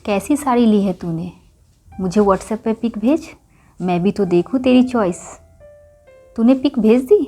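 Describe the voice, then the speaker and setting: A woman's voice: mid-range voice, measured pace, pauses often, warm tone, faint music behind. A woman playing a young female friend chatting casually and teasingly on the phone, drawing her words out.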